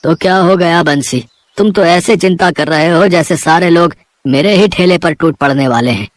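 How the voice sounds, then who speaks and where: A woman voicing a kindly, principled middle-aged jalebi seller in a cartoon, with a gentle, fatherly way of talking. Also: lowish voice, normal speed, no echo, lightly acted. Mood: soothing. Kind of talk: cartoon voice acting.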